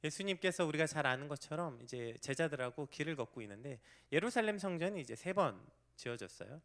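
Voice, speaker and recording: A male pastor in his thirties delivers a sermon with a slightly high voice and a very lively pitch that leaps around. He sinks into soft, breathy near-whispers, then bursts out loud and emphatic. When he quotes other people, his voice jumps suddenly higher. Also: quick pace.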